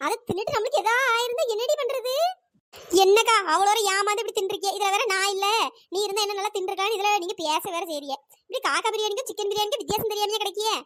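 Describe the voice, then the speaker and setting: A woman doing shrill, squeaky cartoon village women. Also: rapid-fire, a bit bright, dry recording. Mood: outraged. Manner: shrill scolding and accusing. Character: squeaky, quarrelsome village women, angry then sorry. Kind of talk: cartoon voice acting.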